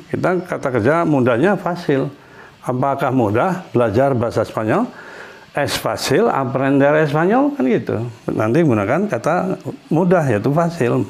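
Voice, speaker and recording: A middle-aged man teaching a relaxed lesson, explaining step by step, often restarting and repeating example sentences. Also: medium pitch, gravelly, a little hiss or hum. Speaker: Spanish teacher. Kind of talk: casual spoken lesson.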